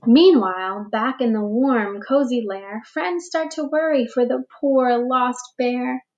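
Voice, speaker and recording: A woman teacher reading a picture book aloud to young children, slow and expressive, giving the animals little voices. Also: fairly high pitch, lo-fi sound. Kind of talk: read-aloud storytime for children.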